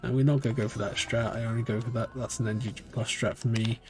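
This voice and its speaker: A man's voice: mid-range voice, little pitch movement, fast talker, soft background music. Chatty British man streaming a speedrun. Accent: British, shifting between regions. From Britain. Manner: chatty, rambling, thinking aloud. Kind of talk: live-stream gameplay commentary.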